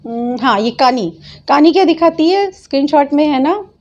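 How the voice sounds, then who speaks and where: A woman's voice: high-pitched, expressive, moderate pace, highs cut off. A woman hosting her own channel, scolding and mocking people in reaction commentary and laughing often. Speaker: channel host.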